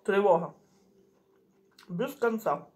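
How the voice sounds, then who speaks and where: A middle-aged woman chatting casually in short phrases with pauses as she eats, chewing while she talks, recorded in a home kitchen. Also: mid-range voice, lively intonation, darkish tone. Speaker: mukbang vlogger. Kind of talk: casual chat while eating. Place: small home kitchen, indoors. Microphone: camera on the table at arm's length.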